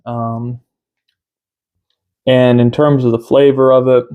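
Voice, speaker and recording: A man in his thirties with a mid-pitched voice talks casually to a camera in a room at home. He reviews in an unhurried, halting way, often pausing partway through a sentence. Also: flat delivery, narrow, tinny audio. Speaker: tobacco reviewer. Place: small room at home, indoors.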